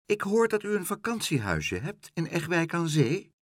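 A man's voice: fairly high pitch, very animated, normal speed, dry recording, studio quality, pitched above the performer's own voice. A man doing a prim, fussy housewife. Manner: prim, shocked, easily indignant. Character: fussy middle-aged woman obsessed with cleanliness.

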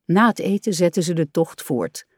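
A woman reading a children's story aloud in a calm, even storytelling voice. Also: on the low side, moderate pace, no room sound, clean studio sound.

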